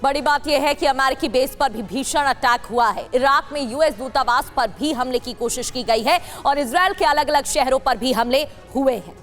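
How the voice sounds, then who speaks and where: A woman newsreader delivering scripted headlines in a crisp bulletin manner. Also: high-pitched, normal speed, hardly any pauses, a bit bright, soft background music. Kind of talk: scripted news reading.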